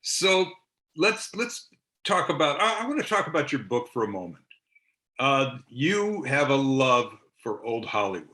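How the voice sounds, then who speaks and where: A male virtual host chats with his guest over a video call, reacting with quick, laughing interjections. His voice is bright and edged, and it rings in an echoey room. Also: medium pitch, very animated. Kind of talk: interview hosting.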